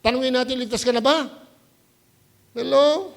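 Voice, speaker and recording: A man's voice: very high-pitched, moderate pace, vocal fry. A male pastor giving a conversational sermon at a church service, mixing English words into Tagalog and often asking "Hello?" to check the congregation is following. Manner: conversational preaching with anecdotes.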